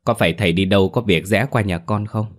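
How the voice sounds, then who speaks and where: A man's voice: on the low side, quick pace, lightly acted. A man voicing an earnest, tearful young orphan woman in a spoken storybook.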